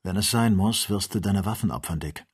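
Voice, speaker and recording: A resolute older doctor leading an expedition in an audiobook, earnest and commanding, voiced by a man. His voice is low and husky. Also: a little fast. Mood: grave. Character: calm resolute older male explorer doctor.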